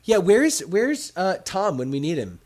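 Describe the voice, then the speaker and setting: A man co-hosting a podcast, chatting casually in an animated, jokey way with quick rants. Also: sits high. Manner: animated, ranting, jokey asides. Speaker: podcast co-host. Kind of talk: casual chat.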